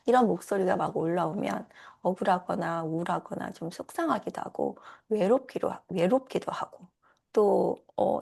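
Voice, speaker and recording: Heavily gravelly-voiced woman coach. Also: mid-range voice, a little mellow. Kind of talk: casual coaching talk.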